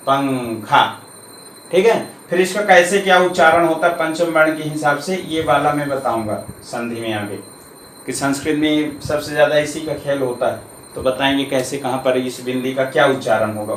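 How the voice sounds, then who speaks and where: A man teaching a grammar lesson, explaining patiently step by step and slowly repeating each term. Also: medium pitch, a bit bright. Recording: echoey room, faint ambient noise.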